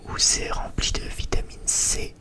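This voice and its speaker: An ASMR creator does whispered chit-chat at a measured pace, the voice pushed and bright. The talk rambles and hesitates, often repeating phrases.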